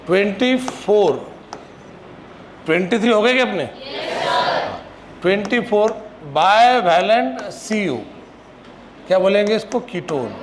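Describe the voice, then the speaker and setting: A man's voice: sits high, a little hiss or hum. A male chemistry coaching teacher, lecturing a classroom, chanting formulas and teasing students.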